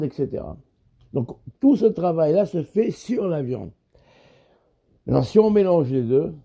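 Guy teaching torah, super mellow dark voice, kinda high, stops and repeats words a lot. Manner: halting, repeats words, searches for terms. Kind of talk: spoken Torah lesson.

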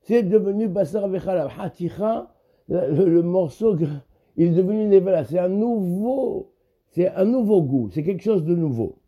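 Halting, mellow-voiced man teaching Torah. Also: sits high, expressive. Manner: halting, repeats words, searches for terms. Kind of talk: spoken Torah lesson.

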